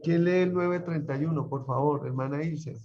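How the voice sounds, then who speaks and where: A man's voice: fairly high pitch, moderate pace, darkish tone. A man teaching an online Bible class in a conversational lecture style, often asking his students questions. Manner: conversational, asks the class frequent rhetorical questions. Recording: muffled online class audio.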